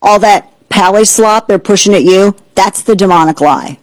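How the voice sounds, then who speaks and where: A woman hosting an opinionated political commentary show, sarcastic and mocking, with quick asides. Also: medium pitch, dry recording, rough recording. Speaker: host.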